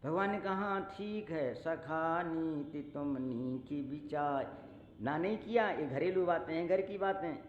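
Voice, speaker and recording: A male preacher giving a devotional sermon, telling homely stories and breaking into slow, drawn-out chanted verses. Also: on the high side, slight background noise. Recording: echoey hall, dull lo-fi sound.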